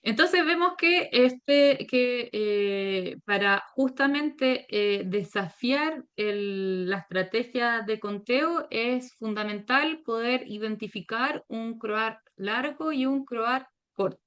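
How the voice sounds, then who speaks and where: A woman giving a virtual academic lecture, measured and hesitant, with frequent fillers. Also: on the high side, a bit bright, clean tone. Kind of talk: academic presentation. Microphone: video call.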